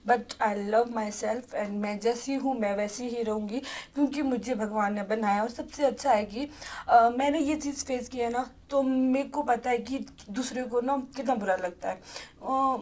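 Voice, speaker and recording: A woman's voice: a little high, a little mellow. A woman in her twenties from Himachal Pradesh, a podcast guest who talks through a painful personal story in an earnest, heartfelt way, near tears at times. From Himachal Pradesh, India. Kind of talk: emotional personal chat.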